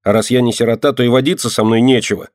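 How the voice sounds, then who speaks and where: A man's voice: brisk, darkish tone, no echo, clean studio sound, close to an everyday voice. A man reading an audiobook and voicing a small, stubborn girl who cries easily, in a raised, pleading voice. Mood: cross. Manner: pleading, tearful, raised higher voice.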